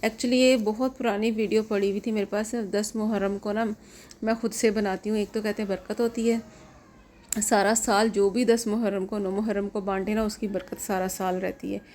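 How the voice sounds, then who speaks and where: A middle-aged woman from Pakistan with a Pakistani Urdu accent, chatting through a home vlog voice-over, repeating herself and pausing often with fillers. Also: mid-range voice, flat delivery, a little mellow, a little hiss or hum. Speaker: vlogger.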